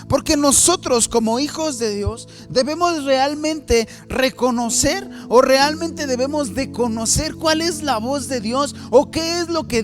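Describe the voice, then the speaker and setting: A man, preaching a sermon as a pastor, earnestly telling a story and often repeating and rephrasing to speak straight to the listener. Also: very high voice. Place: church.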